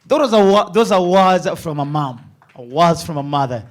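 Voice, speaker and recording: A man's voice: fairly high pitch, lively intonation, normal speed. A man acting as master of ceremonies, energetically hyping up a live event crowd with repeated calls.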